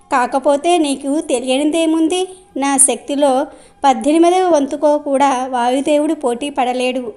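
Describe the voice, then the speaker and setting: A woman voicing a proud, boastful giant silk-cotton tree in a storybook tale, in a high voice. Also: a little mellow. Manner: boastful, then worried.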